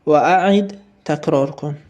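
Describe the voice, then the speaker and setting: Mellow-voiced man teaching Arabic phrases. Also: a little high. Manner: slow, repetitive drilling of phrases with explanations. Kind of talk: recorded language lesson.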